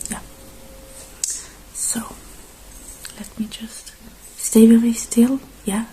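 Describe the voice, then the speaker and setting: A woman performs a soft-spoken ASMR roleplay, drifting in and out of whispers in short, halting, reassuring phrases. Her voice is on the high side with a flat delivery, and there's noise in the background.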